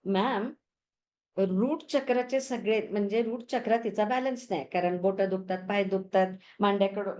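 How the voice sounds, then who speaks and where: A woman's voice: fairly high pitch, darkish tone. A woman teaching crystal healing in a chatty storytelling manner, mixing in English words. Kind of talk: lesson.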